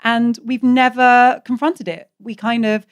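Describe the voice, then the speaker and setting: A woman, speaking as an author on a live discussion panel in a wry, lively way, slipping into mock voices. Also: fairly high pitch, unhurried, clean tone, highs cut off. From Britain. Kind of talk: live public conversation.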